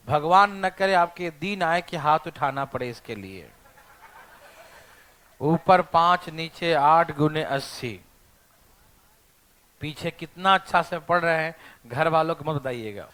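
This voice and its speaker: A man's voice: a little high, a bit bright. A male math teacher lecturing a classroom, teasing his students and checking in with them constantly.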